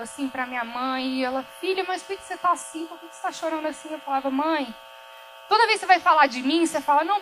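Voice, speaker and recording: High-voiced Brazilian woman sharing a story. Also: fairly bright tone, a little hiss or hum, low-quality recording. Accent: Brazilian Portuguese. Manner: earnest, self-correcting, acts out quoted dialogue. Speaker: workshop speaker. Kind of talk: personal testimony talk. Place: event hall.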